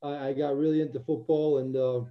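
A young former football player from Albania speaks as an interview guest in a mid-range voice, fairly quick and flat. Earnest and reflective, he restarts often, and the remote audio sounds muffled in this casual interview.

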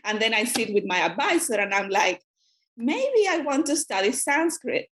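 A woman's voice: on the high side, sing-song, moderate pace, fairly bright tone. A woman who grew up in Cuba and speaks Spanish natively, answering as a guest scholar in an academic interview, thoughtful and often restarting her sentences.

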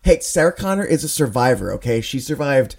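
A man co-hosting a casual podcast, with dry, sarcastic jokes. His voice sits in the middle of the pitch range and stays relaxed and conversational. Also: a little fast, creaky. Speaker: podcast co-host. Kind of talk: casual chat.

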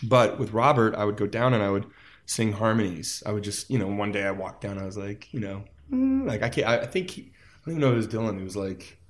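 A man from Las Vegas talks as a guest in a casual interview, his voice sitting a little low. He rambles through his stories, piling up fillers as he goes. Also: fast. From Las Vegas, United States. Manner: rambling, filler-heavy storytelling with many "like"s.

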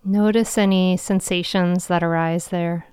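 Woman, meditation guide, soft spa-like hush, breathy edges, very smooth and clean, dry close sound. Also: lowish voice, fairly even intonation, dry recording. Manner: soft, soothing, slow delivery with long pauses. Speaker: meditation guide and show host.

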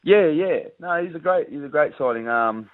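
A man's voice: on the high side, lively intonation, moderate pace, dry recording. An Australian man in his twenties, a rugby league player chatting casually in an interview over a tinny phone line.

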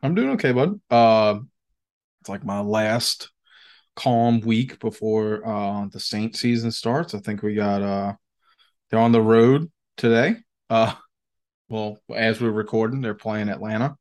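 A man's voice: lowish voice, a little slow, a little mellow. A man co-hosting a podcast in casual chat, rambling and slangy, with plenty of swearing. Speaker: podcast co-host.

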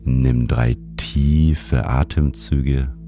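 A man narrating a sleep meditation like a bedtime story narrator, guiding the listener gently and soothingly. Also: a bass voice, steady tone, drawn-out words. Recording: music behind the voice. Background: music.

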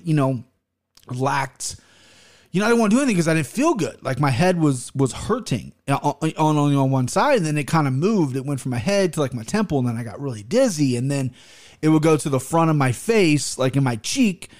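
A man's voice: fairly high pitch, big pitch swings, fairly quick, a little mellow. American man podcasting through a barely opened mouth. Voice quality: talking with mouth barely open. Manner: blunt, rambling, profane. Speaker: podcast host. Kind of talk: casual solo podcast talk.

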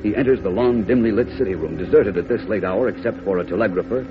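A man's voice: fairly low pitch, fast. A man narrating a 1940s radio serial as announcer, with dramatic scripted delivery. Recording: dull old radio recording with music.

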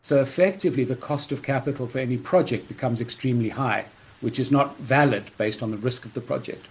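A man speaks as a guest on a podcast in a mid-range voice. He explains in a steady, businesslike way, with a slight frog in his throat. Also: medium pitch, quick pace. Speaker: guest, startup co-founder. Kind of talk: podcast interview answers.

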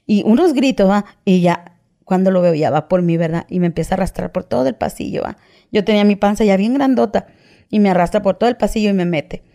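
A woman tells her own story as an interview guest, with a dark, mellow tone at a middle pitch. She talks in a casual, halting way, restarting phrases and tagging them with "¿verdad?" and "¿va?". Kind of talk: personal testimony, casual retelling.

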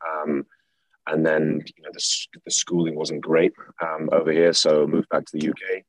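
A young man from England, a guest in a casual interview, talking in a relaxed, rambling way with lots of fillers. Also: a bass voice, normal speed, no room sound, low-quality recording. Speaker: guest, clothing brand founder.

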